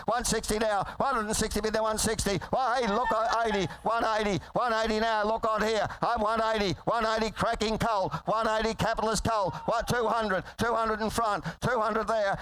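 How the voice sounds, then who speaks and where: A man working as a livestock auctioneer, calling bids in an urgent, repetitive, rapid-fire chant with bursts of sales patter. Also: high-pitched, fairly bright tone, a little hiss or hum, poor audio. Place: live yearling sale.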